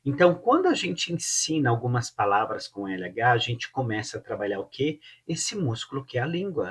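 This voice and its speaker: Husky man teaching pronunciation. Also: mid-range voice. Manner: slow, repeats words to model pronunciation. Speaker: Portuguese teacher. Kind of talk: explanatory lesson.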